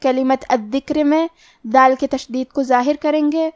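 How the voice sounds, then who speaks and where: Woman, Quran recitation teacher, high-pitched, careful explanations, dry recording. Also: a little mellow, clear, resonant tone, dry recording. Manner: careful, explanatory, slows right down to recite verses. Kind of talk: tajweed lesson with slow recitation.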